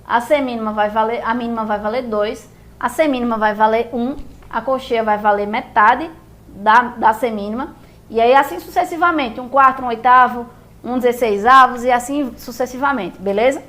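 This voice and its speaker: A woman's voice: fairly high pitch, normal speed, a bit bright. A Brazilian woman teaching music theory, explaining rhythm step by step and checking in often with her viewers. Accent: Brazilian Portuguese. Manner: patient, repeats and checks in with "beleza?".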